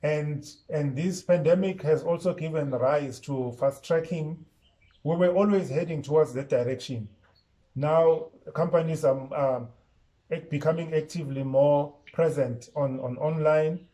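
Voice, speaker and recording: A male teacher leads an online class, walking students step by step through a grammar lesson and quizzing them as he goes. His voice sits a little high for a man and has a mellow, dark tone. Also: unhurried, low-quality recording. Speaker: Islamic studies and Arabic teacher.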